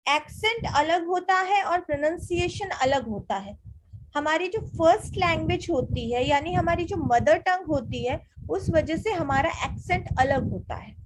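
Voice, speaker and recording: A woman's voice: very high-pitched, slight background noise, poor audio. A young woman, an English teacher, reads viewer letters and answers them in an encouraging, casual mix of Hindi and English.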